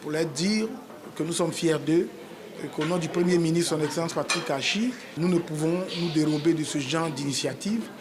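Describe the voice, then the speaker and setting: A man's voice: fairly high pitch, moderate pace. Male official, formal ceremony speech, crowd audible. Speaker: government official. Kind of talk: public speech.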